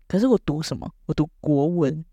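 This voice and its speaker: A young woman telling a comic story about herself to camera, animated and self-mocking, full of quick restarts. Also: sits low, husky, dry recording. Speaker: vlogger.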